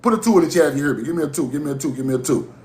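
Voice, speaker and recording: A livestream host from Mississippi races through a heated, profane monologue, his voice pitched high and broken by bursts of laughter. The room is echoey, and his ranting stays animated throughout.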